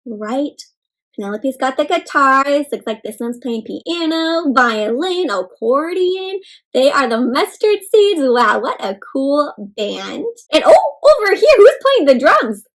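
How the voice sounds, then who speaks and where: Heard on a rough recording, a woman with a high-sitting voice reads slowly from a storybook to young children. She reads expressively, gasps, and invites her listeners in with encouraging questions in simple words.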